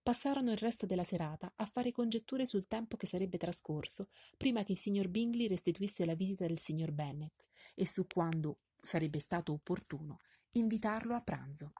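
Low, husky woman narrating an audiobook. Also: moderate pace, mellow, dry recording. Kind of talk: scripted literary narration.

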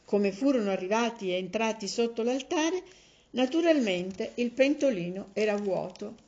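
A woman narrating a fable in a calm, measured storybook reading. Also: a little high. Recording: slightly dull lo-fi recording.

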